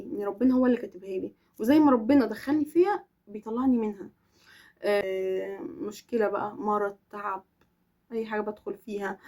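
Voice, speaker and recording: A quick, rather high-voiced young woman with an Egyptian accent talks straight to her viewers. She answers their questions in a casual, earnest chat and leans on emphatic oaths to drive her points home. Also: a little mellow. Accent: Egyptian Arabic.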